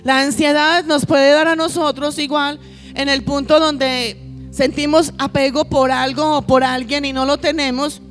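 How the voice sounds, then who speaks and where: Woman pastor, high voice, sermon with faint music underneath; rhetorical, repetitive delivery. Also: little pitch movement, a little slow. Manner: preaching with repeated lists and rhetorical questions to the congregation.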